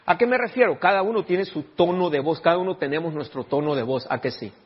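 Husky-voiced man preaching a sermon. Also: on the high side, quick pace, muffled recording. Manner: keeps asking the congregation rhetorical questions. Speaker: pastor.

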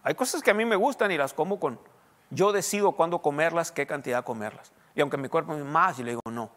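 A pastor preaches in a loose, conversational way, then pushes up into emphatic questions. His voice sits high for a man. The sound carries the long reverb of a large church hall. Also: animated, fast. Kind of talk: sermon.

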